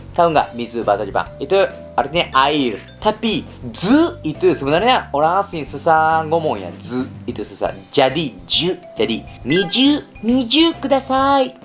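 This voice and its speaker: Animated Japanese man speaking casually. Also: a little high. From Kansai, Japan. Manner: playful, animated, drops in Japanese particles. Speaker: vlogger. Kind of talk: casual chat to camera.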